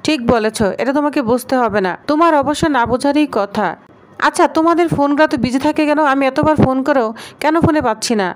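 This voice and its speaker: A woman's voice: high voice, quick pace, close to an everyday voice. A woman voicing an indignant male company owner who talks in a demanding, irritated way.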